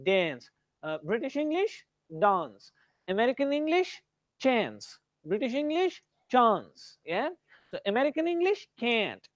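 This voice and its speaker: A man's voice: very high-pitched, dull audio. An Indian-accented man leads a grammar lesson. He drills his students by name and slips between English and Hindi as he explains. The sound is dry, with no room echo. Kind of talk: live grammar class.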